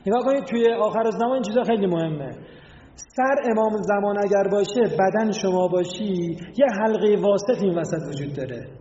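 A man's voice: high voice, warm tone. A man giving a religious lecture, explaining word meanings and asking his listeners rhetorical questions. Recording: echoey hall, dull lo-fi sound.

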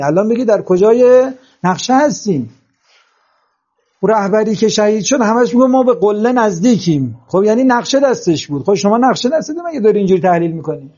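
Male preacher, high mellow voice, reproachful and insistent, muffled lo-fi recording. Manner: passionate, reproachful, rhetorical questions. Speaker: religious speaker. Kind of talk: sermon-style religious talk. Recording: dull lo-fi recording.

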